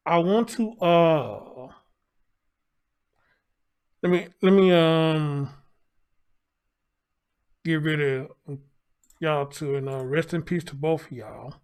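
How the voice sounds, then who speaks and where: A man with a fairly high voice talks through a face mask, slightly muffled. He gives a casual news update to his viewers, halting often and repeating phrases for emphasis. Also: a little mellow, smooth. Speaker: online news commentator.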